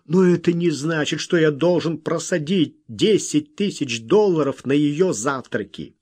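A hot-tempered miner bursts out in heated, pleading protests, as a man reads him aloud. The voice jumps well above the narrator's usual, loud and swinging wildly. Words come slow and drawn out in the big moments. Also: on the high side, sing-song, breathy edge, pitched above the performer's own voice, heavily acted. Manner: explosive, pleading, blustering.

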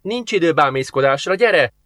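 A man's voice: on the high side, lively intonation, a bit bright, dry recording, voice pushed up. A man voicing a stern, impatient young angel who talks in a curt, commanding way, read for an audiobook. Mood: urgent.

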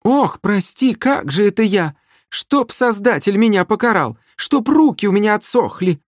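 A man voicing a sly, cruel young woman in an audiobook, speaking in a high, petulant, mocking voice. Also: big pitch swings, moderate pace, darkish tone, no echo, studio quality. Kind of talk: audiobook character voice.

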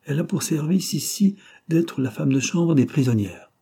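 A man reading a crafty older brigand chief, cool and sly, with a mock-solemn irony. The voice is dark and husky, raised a little above the narration. It is a storybook reading. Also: a little high, lively intonation, moderate pace, voice pushed up, heavily acted.

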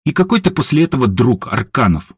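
Brief: teasing young woman with a lively lilt and a husky edge, put on by a male narrator. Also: medium pitch, brisk, no echo, studio quality, voice pushed up, heavily acted. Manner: mocking, playful.

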